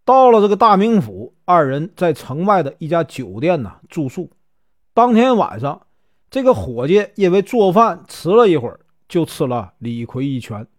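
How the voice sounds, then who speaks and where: A man's voice: fairly high pitch, big pitch swings, no room sound, studio quality. Chatty male storyteller. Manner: chatty, drawn-out filler particles. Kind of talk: casual folk storytelling.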